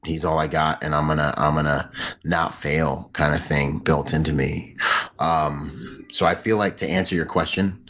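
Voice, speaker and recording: Deep-voiced male guest with a loose, filler-heavy storytelling style on dull lo-fi audio. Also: steady tone, moderate pace, fairly bright tone. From United States. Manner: rambling, heavy on filler words, laughs easily. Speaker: podcast guest. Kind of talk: candid personal storytelling.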